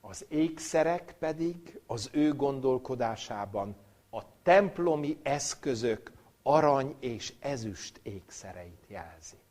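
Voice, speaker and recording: A man giving a Bible lecture with a personal story, dramatic, swinging from loud emphasis to near-whispered recitation. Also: medium pitch, expressive.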